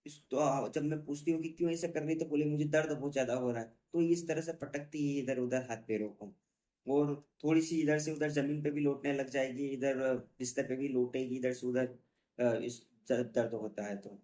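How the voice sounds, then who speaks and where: A man, a homeopathy doctor, explaining a patient case in a teaching talk and slowly repeating technical terms. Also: medium pitch, fairly even intonation, dark tone.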